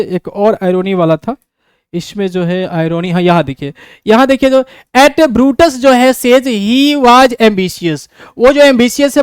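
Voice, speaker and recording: A man's voice: very high-pitched, clean tone, no echo, studio quality. A male teacher with a Bihari Hindi accent, giving an exam-prep lecture on literary devices, asking questions and answering them himself. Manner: explains step by step, asks and answers his own questions; reads English examples slowly.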